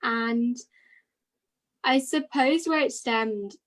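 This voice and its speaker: Seventeen-year-old young woman, slightly high pitch, very slow pace, measured, polite. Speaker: young activist panelist. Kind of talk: self-introduction.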